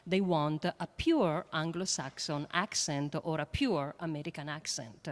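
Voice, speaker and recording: A woman scientist speaking on a panel in an earnest, halting way, with many fillers and repeated words. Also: low voice. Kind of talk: panel discussion remarks.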